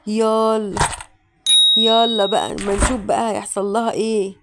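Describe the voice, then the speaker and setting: A woman with an Egyptian Arabic accent narrating a mobile game playthrough, chatting straight to viewers and breaking into shouted reactions. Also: mid-range voice, level tone, normal speed, loud music behind the voice. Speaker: gaming channel host.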